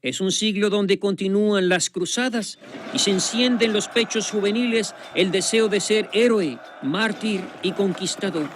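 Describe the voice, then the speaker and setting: A man giving scripted documentary narration in a solemn, measured voice with dramatic pauses. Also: high voice, a little hiss or hum. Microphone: studio voice-over. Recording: voice-over over guitar music. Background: guitar music.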